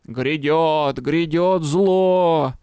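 Brief: shrill doom-wailing old crone, read by a man, creaky yet loud, slow drawn-out cries, clean dry close recording. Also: dry recording. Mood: doom-crying. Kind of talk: audiobook character voice.

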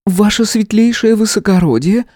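A man's voice: high-pitched, normal speed, darkish tone, no echo, clean studio sound, voice pushed up, lightly acted. A man doing a timid frightened woman clerk. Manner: frightened, stammering, deferential. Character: timid plump forty-year-old woman clerk. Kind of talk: audiobook character voice.

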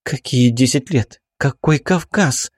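A man reading an audiobook, voicing a headstrong, passionate young baroness with imperious, drawn-out exclamations. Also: mid-range voice, dry recording, clean studio sound, voice pushed up. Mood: indignant.

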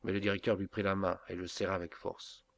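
A man reading a classic novel aloud as a first-person narrator, in a measured, dramatic way. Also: low voice, level tone. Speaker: audiobook reader. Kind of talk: literary audiobook narration.

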